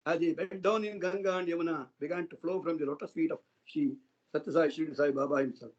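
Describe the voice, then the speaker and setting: A man's voice: a little high, fairly even intonation, fast. A man giving a devotional satsang talk, earnestly retelling stories of saints in a loose, flowing way. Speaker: satsang speaker. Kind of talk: devotional storytelling discourse. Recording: dull lo-fi online satsang audio.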